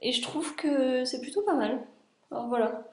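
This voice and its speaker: A young woman from France talks through her homemade clothes in a relaxed, rambling vlog. Her voice sits a little high, and she fills pauses often as she points out the details. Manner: chatty, many fillers, shows garments. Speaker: sewing vlogger. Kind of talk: casual chat.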